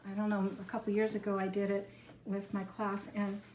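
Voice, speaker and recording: A woman's voice: medium pitch, completely flat delivery, fairly quick, darkish tone. A woman leading a Bible class, giving casual, loosely worded instructions and rephrasing as she goes. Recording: roomy echo with faint room noise.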